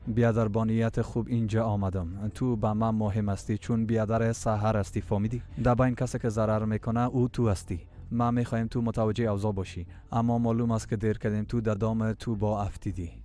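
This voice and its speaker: Dub role: a man playing a serious, level-headed man with a low voice, lecturing. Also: little pitch movement, warm tone, natural voice. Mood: stern. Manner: measured, lecturing. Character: stern man delivering a warning, patient then insulted.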